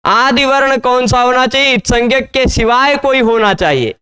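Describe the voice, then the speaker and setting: A man teaching grammar in a slow classroom lecture, spelling out syllables and often checking that students follow. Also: very high voice, bright, forceful tone, clean tone. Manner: patient, repeats syllables and checks understanding often.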